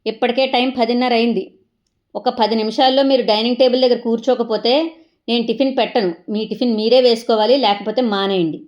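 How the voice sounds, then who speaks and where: A woman's voice: fairly high pitch, steady tone, fast, darkish tone, muffled recording, close to an everyday voice. A woman voicing a bossy but loving middle-aged mother who scolds and lectures her children in a comic family sketch. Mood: scolding.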